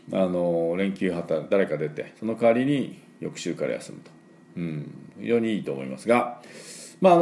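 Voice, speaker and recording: A man with a low, gravelly voice gives a relaxed, chatty English lesson. His pitch swings widely as he stretches out model words slowly and loudly, then drops back to mumbled fillers. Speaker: English teacher. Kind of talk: casual spoken English lesson.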